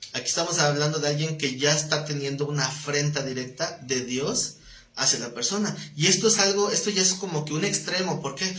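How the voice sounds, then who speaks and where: A man's voice: a little high, a bit bright. A man teaching a live Bible class, talking conversationally, quizzing his students and joking with them. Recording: echoey room, faint noise.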